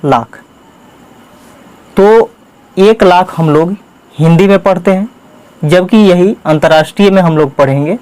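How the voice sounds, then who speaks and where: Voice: mid-range voice, a little mellow. A teacher hosting a channel, giving a step-by-step maths lesson for children, patiently repeating and counting out each term one at a time.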